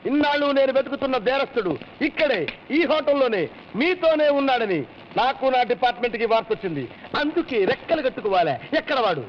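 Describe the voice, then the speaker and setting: An actor playing a blustering, bumbling police inspector who swaggers with threats and tosses in English phrases. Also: male voice, very high-pitched, animated, fast, a little hiss or hum. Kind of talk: film comedy acting. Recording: dull lo-fi film audio.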